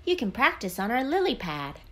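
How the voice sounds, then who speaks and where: A woman voicing an eager, welcoming yellow frog in a children's story. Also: fairly high pitch, sing-song, brisk, voice pushed up. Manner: eager, exclaiming.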